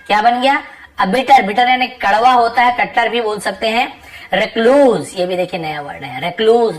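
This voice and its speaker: A woman English tutor explaining a passage word by word, reading each English phrase slowly and then going over it patiently and repetitively. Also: mid-range voice, rough recording. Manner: patient, repetitive teacher talk with frequent checks like "ठीक है".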